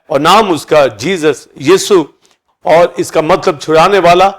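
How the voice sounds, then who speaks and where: A pastor preaches a sermon, explaining key words by listing several meanings for each. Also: male voice, on the high side. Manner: teaching, repeats synonyms for each key word.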